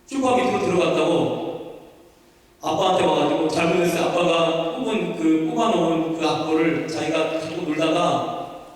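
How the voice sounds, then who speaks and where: A man's voice: a little high, moderate pace. A male pastor telling a story during a sermon, repeating his words and trailing off as he goes. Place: church sanctuary. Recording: echoey church hall, mic from far off.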